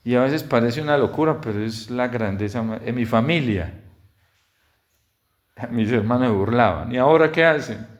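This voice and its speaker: Man preaching a homily. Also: normal speed. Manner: builds to loud high-pitched exhortations; storytelling with lively quoted dialogue.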